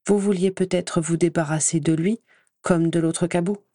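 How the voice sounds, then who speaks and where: A woman reading an audiobook voices a sneering, spiteful male professor who speaks slowly and mockingly. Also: on the low side, fairly even intonation, mellow, dry recording, clean studio sound, lightly acted. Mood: scornful. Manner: slow, scornful, mocking.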